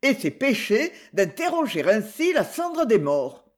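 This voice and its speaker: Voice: mid-range voice, sing-song, a little slow. A reader voicing a hulking, blustering Prussian major who protests indignantly in an audiobook.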